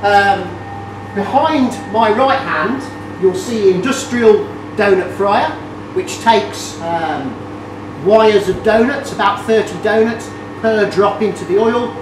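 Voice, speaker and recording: A man's voice: sits high, takes it slowly. Man giving a tour in an echoey bakery. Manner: explanatory, hesitant with fillers and restarts. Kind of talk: guided tour talk. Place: large industrial bakery kitchen, indoors. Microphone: camera mic from a distance. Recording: echoey kitchen, distant mic, noisy.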